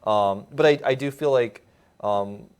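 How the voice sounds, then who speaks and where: A man's voice: mid-range voice, a little slow, darkish tone, clear, resonant tone. A man casting an esports match, chatty and joking, with lots of fillers. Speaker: esports caster. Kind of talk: casual esports commentary.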